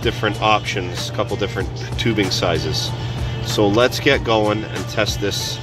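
A fairly low-pitched man in his thirties explains a hands-on HVAC tool demo in a relaxed, plainspoken way. He moves step by step like a working technician. Loud music plays behind him. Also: moderate pace. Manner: relaxed, plainspoken, walks through steps. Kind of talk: casual tool demo tutorial.

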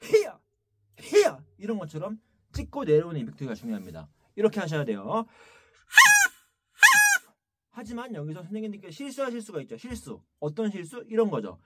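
Animated man teaching with loud demo shouts. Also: sits high, brisk, long pauses, heavy background noise. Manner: repeats key words, sudden loud demonstration shouts. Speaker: taepyeongso teacher. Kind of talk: instructional video lesson. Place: practice room.

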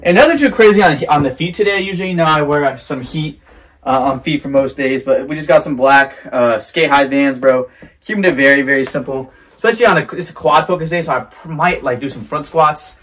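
A man's voice: fairly high pitch, fairly quick, a bit bright. A man in his twenties chatting casually to camera as a fitness vlogger, laid-back and saying bro and man a lot. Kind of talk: casual vlog talk to camera. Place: home kitchen, indoors.

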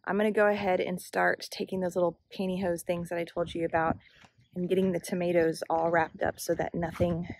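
This woman's voice sits on the low side, a little mellow, fairly quick and flat in delivery, though her tour is casual, upbeat and chatty. As host of a home gardening vlog, she talks to viewers via a handheld camera or phone in her backyard garden in the evening, with outdoor background noise and faint ambience.

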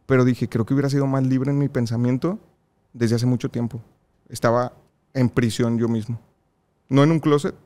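A man's voice: mid-range voice, moderate pace. Chatty Mexican man telling a story. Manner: lively, laughs often while telling stories. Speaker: podcast guest. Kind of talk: casual interview storytelling.

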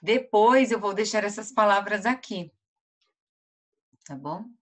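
A woman's voice: mid-range voice, lively intonation, slow pace. A Brazilian woman teacher giving an online lesson to first graders, drawing out each word syllable by syllable. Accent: Brazilian Portuguese. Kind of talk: online lesson for young children.

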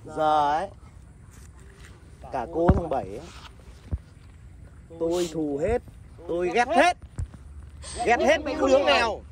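A man's voice: sits high, lively intonation, unhurried, long pauses, far from the mic. A man voicing a sneering rich skeleton. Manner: sneering, taunting, boastful about money. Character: arrogant rich male skeleton, cruel ex-lover. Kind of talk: fan audio drama acting. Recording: noisy homemade recording.

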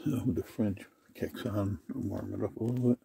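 A man's voice: fairly low pitch, fairly even intonation, normal speed, creaky, background noise. A man recording a casual camping video diary inside a camper, talking in a plain, matter-of-fact way on a handheld phone. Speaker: camping vlogger. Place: inside a camper, rain outside.

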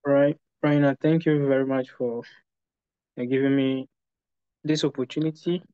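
A man from Ghana giving a candidate statement on a video call, with steady, formal phrasing. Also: medium pitch, normal speed, clear, resonant tone, no room sound. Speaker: election candidate. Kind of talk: online meeting statement. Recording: dull dry video-call audio.

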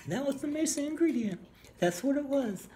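A woman's voice: sits high, lively intonation, normal speed, warm tone. A woman hosting a casual food vlog, chatting in a folksy way while eating soup. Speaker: mukbang host. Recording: noisy home video with clattering dishes.

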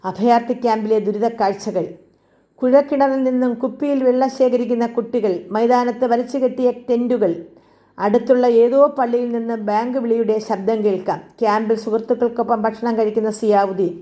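Woman reading out a documentary script, kinda high soft mellow voice, steady, dull lo-fi sound. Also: fairly quick. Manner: steady, even reading pace, announcing scene headings. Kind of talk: read-aloud script narration.

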